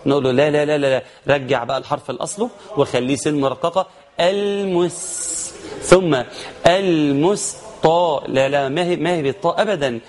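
A man with an Egyptian accent teaching Quran recitation rules, explaining quickly and then chanting verses slowly. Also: mid-range voice, steady tone. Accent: Egyptian Arabic. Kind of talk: tajweed lesson with chanted examples.

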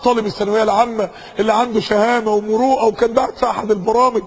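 A man with an Egyptian Arabic accent preaching a sermon, impassioned, rising to cries and slowing down for quotations. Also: high voice, little pitch movement, slight background noise, poor audio.

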